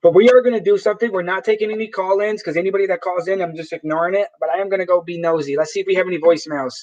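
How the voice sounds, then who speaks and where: High-pitched guy rambling and cussing on his live stream, dull muffled audio. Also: steady tone, rapid-fire, a little mellow. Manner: rambling, profane, with frequent restarts. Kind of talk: casual live-stream chat. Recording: dull lo-fi sound.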